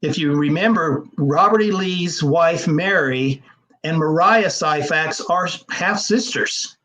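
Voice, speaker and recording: A man, a historian and genealogist, explaining history over slides in an interview, measured and explanatory with frequent fillers. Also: on the high side, sharp tone, rough recording.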